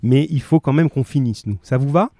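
Lively male teacher reading aloud. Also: medium pitch, brisk, no echo, clean studio sound. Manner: lively, asks questions and stresses key words. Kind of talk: reading a story aloud to a class, then explaining it.

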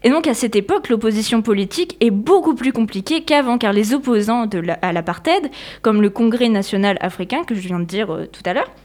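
Brief: woman, somewhat high voice, relaxed chatty history presenter, hesitant and explanatory. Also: fairly quick. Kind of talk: casual spoken history presentation.

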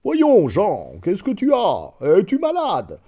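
A man voicing a jovial older male baron who speaks in a booming, laughing, incredulous way. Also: wildly swooping pitch, slow pace, mellow, breathy edge, heavily acted. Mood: concerned.

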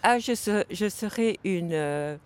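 A woman from Vietnam answering interview questions in a hesitant, halting way with many pauses and fillers, outdoors at a city station. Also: mid-range voice, animated, slight background noise.

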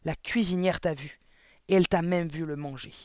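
A man's voice: on the high side, steady tone, moderate pace, a little mellow, no echo, natural voice. A man reading a storybook aloud, voicing a cruel, furious woman headmistress who bellows insults at a pupil. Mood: raging.

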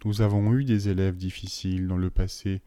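A man voicing a cold, sinister male deputy headmaster who speaks slowly, softly and with menace. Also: sits low, little pitch movement, dry recording, clean studio sound, close to an everyday voice. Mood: menacing. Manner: slow, soft and menacing.

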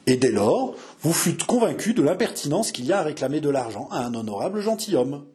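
Field: audiobook. Figure: a cool, mocking young chevalier, read by a man. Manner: calm, cutting. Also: a little high, fairly quick. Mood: ironic calm.

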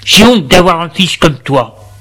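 Man reading as an angry bullying father, harsh and scornful, slow and deliberate, slightly high voice. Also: lively intonation, bright, forceful tone. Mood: scolding. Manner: harsh, scolding, contemptuous. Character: furious, domineering middle-aged father.

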